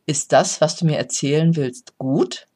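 A coach reading a parable, voicing a calm, wise old male philosopher who speaks slowly and gently instructs. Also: medium pitch, close to an everyday voice. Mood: calm, admonishing. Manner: slow, measured, gently instructive. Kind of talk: storytelling.

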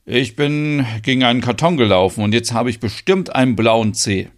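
A man's voice: medium pitch, moderate pace, lightly acted. A man voicing a complaining, indignant young man in an audio soap opera. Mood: grumbling. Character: grumpy young man bumping into boxes.

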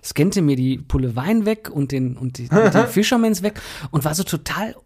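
A man, telling a funny anecdote as a podcast co-host, animated and full of laughs. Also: fairly high pitch, moderate pace, husky. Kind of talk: casual storytelling chat.

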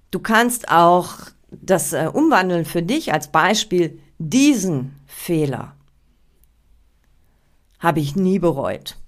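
A woman coaches her listener directly in a relaxed, chatty monologue. Her voice sits on the low side, and she thinks aloud with little fillers and restarts as she gives her tips. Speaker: podcast host giving presentation tips.

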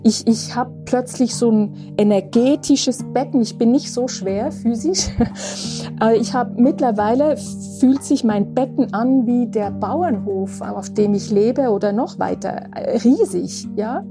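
A woman of nearly sixty, hosting a spiritual podcast, talking slowly and reflectively and often checking in with a soft "ja?". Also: fairly high pitch, music in the background. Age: 50s. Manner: slow, reflective, with frequent asking "ja?". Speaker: podcast host.

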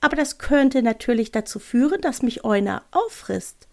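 A woman's voice: lively intonation, moderate pace, creaky, a little mellow. A woman voicing a small, anxious owl from a children's book that dithers and talks worriedly to itself. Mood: fretful. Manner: high, hesitant, worried self-talk. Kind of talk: reading aloud from a children's book.

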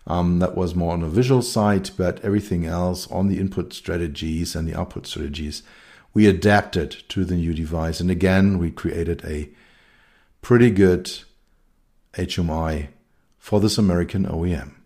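A middle-aged man with a German accent, a consultant and keynote speaker, gives a thoughtful solo talk full of fillers and restarts. His voice is low-pitched and a little mellow, at a moderate pace.

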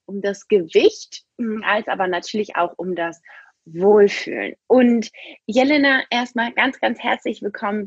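A woman hosting a podcast interview, welcoming her guest with halting fillers, heard through a low-quality lo-fi recording from a small booth. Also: husky, dry recording. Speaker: podcast host. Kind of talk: interview intro and questions. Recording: dull lo-fi backup mic.

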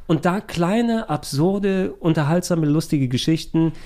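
A man's voice: fairly high pitch, measured pace, mellow. A man chatting as podcast host, enthusiastic and rambling. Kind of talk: casual chat.

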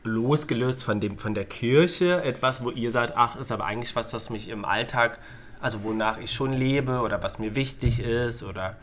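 A man's voice: medium pitch, moderate pace, fairly bright tone, slight background noise. A man co-hosting a podcast, steering the chat with questions. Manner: inquisitive, steering the topic. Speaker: podcast co-host. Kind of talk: casual chat.

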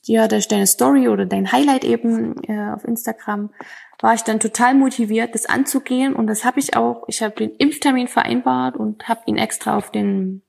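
Woman with a slightly high, gravelly voice, telling a detailed story on a voice memo. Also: fairly even intonation, moderate pace, a little mellow. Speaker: mother of a young son. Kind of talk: casual voice message.

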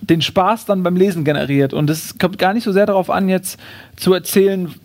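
Man presenting a book, high-pitched voice. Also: steady tone, fairly quick, darkish tone, no room sound. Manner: hesitant, many fillers. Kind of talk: casual book talk and reading aloud.

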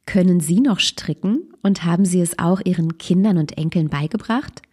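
A woman host introducing stories in a calm, friendly, scripted moderation. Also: on the low side, moderate pace, slightly rough.

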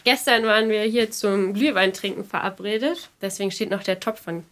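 A young woman in her twenties talks casually, in an informal, conversational way. Her voice sits at a medium pitch, and she sounds like a student chatting at home. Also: fairly quick, fairly bright tone. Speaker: student showing her shared flat. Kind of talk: casual chat. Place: on location in a home kitchen.

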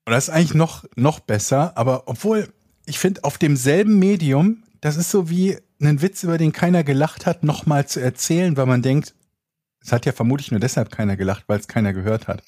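Husky, teasing podcast co-host man. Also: fairly high pitch, fairly quick, dark tone, dry recording, studio quality. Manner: teasing, wordy, argues in long sentences. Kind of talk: casual chat.

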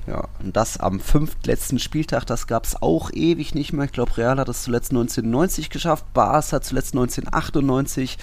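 A man with a mid-range voice talks briskly, barely pausing. As host of a football podcast, he runs through results and statistics in a detailed, enumerating way.

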